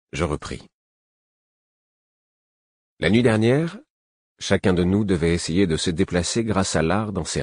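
A male audiobook narrator with a very deep, husky voice reads a first-person novel. His delivery is measured and even. The recording is dry and close, with no room sound. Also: dry recording.

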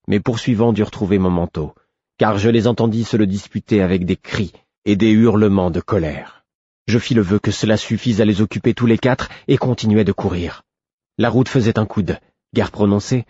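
A man reads a first-person novel in a measured, steady storytelling voice. His tone is low and husky, dark in colour, and the recording sounds dry and muffled, with a lo-fi dullness. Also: no room sound. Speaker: audiobook narrator. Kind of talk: scripted first-person narration.

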